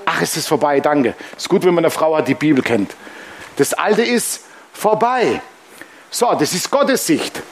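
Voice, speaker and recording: A man's voice: on the high side, sing-song, a little fast, few pauses, breathy edge. A man preaching a sermon as pastor, emphatic and humorous, often calling out "Amen".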